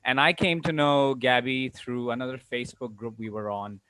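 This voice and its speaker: A public speaking trainer and coach from Hong Kong gives an earnest, enthusiastic personal testimonial to an online group over a video call. His mid-range voice is bright, forceful, clear and resonant, with a steady tone at normal speed. The call is noisy and the level is uneven.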